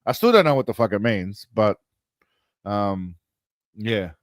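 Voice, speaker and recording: A man's voice: on the low side, expressive, a little slow, no room sound. A man with an Australian accent hosting a casual livestream, reacting to a video in a laid-back, profane, rambling way. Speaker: host.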